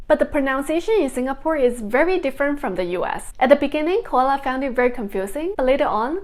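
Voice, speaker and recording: Woman, high-pitched voice, video host, scripted explainer delivery. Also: darkish tone. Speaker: video host teaching pronunciation.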